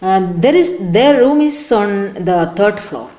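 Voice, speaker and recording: A woman's voice: medium pitch, big pitch swings, dark tone. Echoey woman teacher. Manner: reads an English line slowly, then explains it. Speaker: English teacher. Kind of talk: bilingual lesson explaining a text line by line. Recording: roomy echo.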